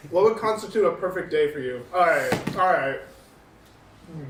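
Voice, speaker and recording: A man's voice: on the high side, lively intonation, moderate pace. A young man hosting a vlog, answering questions casually while eating, humming "mm" between thoughts. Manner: eats while talking, hums "mm" between thoughts. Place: indoors at a meal. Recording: echoey room, mic at a distance, faint noise.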